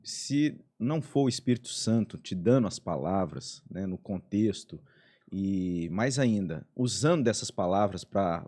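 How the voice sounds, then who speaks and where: A Brazilian man with a mellow, warm tone speaks at a middle pitch. He reflects calmly on what his co-host has said. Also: a little slow. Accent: Brazilian Portuguese. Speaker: podcast co-host. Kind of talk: casual podcast chat.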